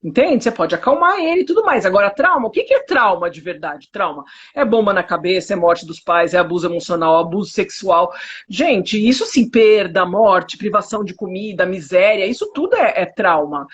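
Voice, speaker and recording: A Brazilian woman psychotherapist talks in a lively, swooping voice with a husky edge. She pushes her points with indignant rhetorical questions. The audio sounds dull and lo-fi. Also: mid-range voice, brisk. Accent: Brazilian Portuguese. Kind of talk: conversational interview.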